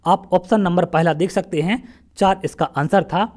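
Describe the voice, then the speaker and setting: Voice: mid-range voice, steady tone, moderate pace, a little mellow. A math teacher from central India, solving exam questions step by step, often asking a question and answering it straight away. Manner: asks questions then answers them, step by step. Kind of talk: exam-prep lesson solving past paper questions.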